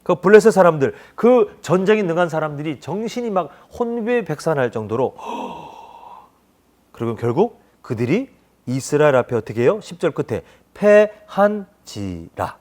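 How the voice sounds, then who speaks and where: A man preaching a children's sermon, animated, often asking the children questions. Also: on the high side, moderate pace. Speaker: children's pastor.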